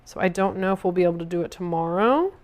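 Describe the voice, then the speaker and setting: A woman's voice: lowish voice, fast. A woman livestreaming from her home kitchen, chatting to viewers while she cooks. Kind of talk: casual livestream chat.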